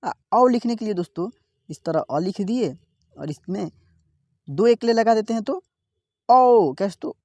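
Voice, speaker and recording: A woman's voice: mid-range voice, animated, moderate pace, a little mellow, dry recording. A woman teaching the Hindi alphabet step by step in an online class, often asking her viewers a question and drawing out the vowel sounds. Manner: repeats "क्या दोस्तों?" often, drawing out the vowels she teaches.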